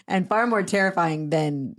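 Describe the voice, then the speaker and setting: A woman's voice: fairly low pitch, slow pace. A woman speaking earnestly and exhorting her listeners on a talk show.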